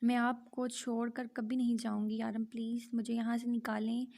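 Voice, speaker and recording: A woman's voice: a little high, completely flat delivery, vocal fry, warm tone. A woman voicing a terrified young wife who begs desperately to be let out. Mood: pleading. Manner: begging, desperate.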